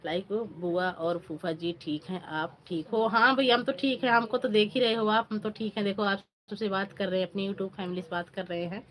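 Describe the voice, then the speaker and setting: A woman's voice: mid-range voice, a bit bright. A woman hosting a casual live stream on her phone, chatting with viewers, greeting them by name and asking for likes. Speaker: livestream host.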